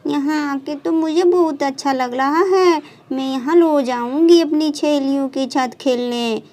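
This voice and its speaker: A woman's voice: high voice, a little slow, warm tone. A woman voicing a small, stubborn and playful little girl in a doll storybook, eager and pleading.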